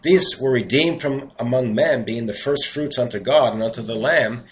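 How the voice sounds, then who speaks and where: A man's voice: mid-range voice, moderate pace, low-quality recording. A man with a New York accent preaching a sermon, reading scripture aloud and breaking off into earnest, conversational asides. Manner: earnest, conversational asides between read verses.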